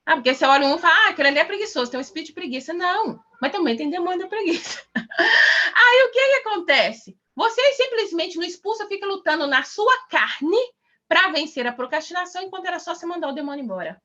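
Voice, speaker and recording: A woman's voice: very high voice, very animated, a little fast, bright, forceful tone, dull audio. A Brazilian woman mentoring an online class, preaching emphatically with rhetorical questions over a video call.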